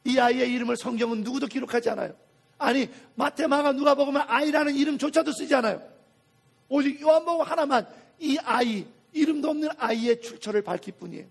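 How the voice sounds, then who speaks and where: A middle-aged man with a raspy voice, preaching a sermon as senior pastor in a church, swinging from soft to loud. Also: very high-pitched, fast. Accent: Korean. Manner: dramatic preaching with acted quotes and sudden swings in loudness. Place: church sanctuary.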